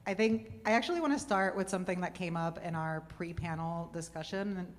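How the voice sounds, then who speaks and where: Woman, lowish voice, chatty panel moderator, long hall echo. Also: fairly quick. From Puerto Rico. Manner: chatty, relaxed, with filler words. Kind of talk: casual panel talk. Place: conference venue hall.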